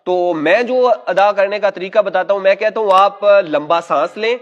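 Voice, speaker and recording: A man teaching Quran recitation in a class. He patiently demonstrates each letter sound slowly and has it repeated back. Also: high-pitched, fairly bright tone, highs cut off. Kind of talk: classroom instruction.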